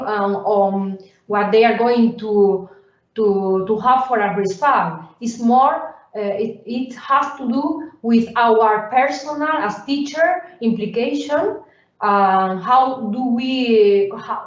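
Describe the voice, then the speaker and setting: A woman giving an academic workshop presentation, halting and full of fillers and restarts. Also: on the high side. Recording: roomy, distant, dull sound.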